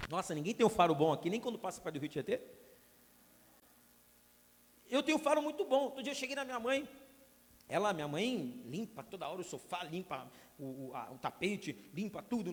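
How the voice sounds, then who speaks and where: High-voiced pastor in a reverberant hall. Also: male voice. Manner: storytelling, humorous asides to the congregation. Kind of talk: sermon. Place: church hall.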